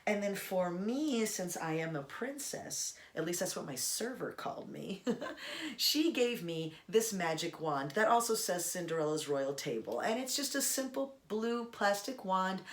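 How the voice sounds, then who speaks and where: A young adult woman vlogger casually telling a personal story to camera in a chatty, rambling way with sarcastic asides. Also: medium pitch. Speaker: Disney vlogger.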